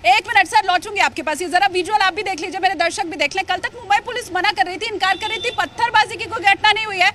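A woman's voice: very high voice, fast, few pauses, pushed and bright, a little hiss or hum. A woman news anchor hosting a heated TV debate on location, interrupting and pressing her guest insistently. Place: on location at a police station.

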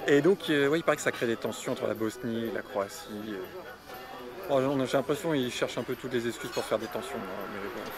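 A man's voice: mid-range voice, a little fast, crowd noise. Joking man telling a travel anecdote. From France. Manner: joking, mock-formal storytelling. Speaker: travel companion. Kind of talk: casual travel vlog chat.

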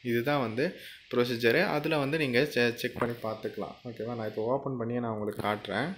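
Speaking fast with fairly even intonation, this man has a mid-range voice and a little hiss or hum on the audio. He's a tutorial channel host chatting through a casual screen recording, taking each step in turn and often checking in with "okay?"

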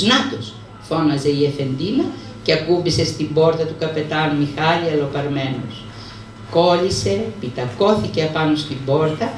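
A woman reading a novel aloud to a book club, expressive, slowing on tricky words. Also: deep voice. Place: room at a hybrid reading-club meeting. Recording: roomy sound from far off with faint noise.

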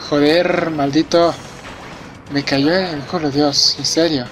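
Excitable gamer man, swearing. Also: fairly high pitch, slow pace, slight background noise. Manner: excitable, swears a lot, reacts loudly to the race. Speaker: let's play gamer. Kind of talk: live gameplay commentary. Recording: game music behind the voice. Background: racing game music and sound effects.

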